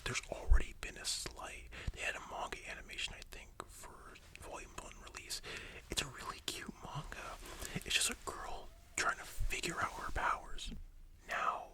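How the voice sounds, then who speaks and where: A person in a whispered role-play as a chatty, enthusiastic library worker, speaking in a soft, breathy library whisper with a casual, gushing manner. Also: lightly acted. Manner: hushed, casual, gushing, conversational.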